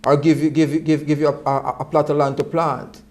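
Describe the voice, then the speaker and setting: A man's voice: on the high side, level tone, fairly quick, a little mellow. A man with a Jamaican accent speaking Rasta-style with patois phrasing, reasoning conversationally and repeating words for emphasis.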